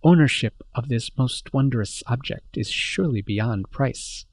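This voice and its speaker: A man's voice: mid-range voice, measured pace, no room sound. A man voicing a polite, formal insectile alien shopkeeper who speaks in flowery, self-effacing phrases. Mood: ceremonious.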